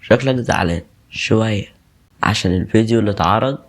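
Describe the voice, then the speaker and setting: An actor with an Egyptian accent playing a gentle adult man who calmly comforts an orphan boy. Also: fairly low pitch, natural voice. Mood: tender. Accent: Egyptian Arabic. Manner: soft, reassuring, unhurried. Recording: faint music playing behind.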